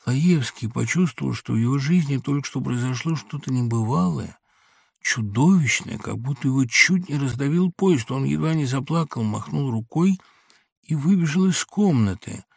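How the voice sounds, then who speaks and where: Expressive, gravelly male narrator. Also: mid-range voice, normal speed, no echo, clean studio sound. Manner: expressive, theatrical reading. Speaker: audiobook narrator. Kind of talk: dramatic literary narration.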